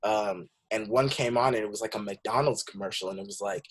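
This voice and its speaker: A young panel guest from the San Francisco Bay Area speaks earnestly in a casual group discussion, building up to emphatic points. His voice is on the low side and husky, and he talks a little fast.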